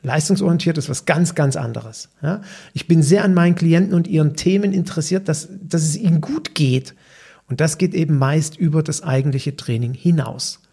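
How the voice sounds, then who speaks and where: A middle-aged man gives a motivational podcast talk as a personal trainer and mentor, his voice gravelly and a little husky. His tone is mellow and dark, and he speaks with emphasis, often stopping to check in with the listener. His pitch sits somewhat high for a man. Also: moderate pace.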